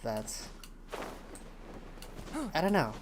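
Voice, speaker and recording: Speaking in a mid-range voice that is very animated and full of drawn-out words, this game streamer rambles hesitantly while thinking out loud. The casual livestream chat comes from an indoor streaming setup, and a little background noise can be heard.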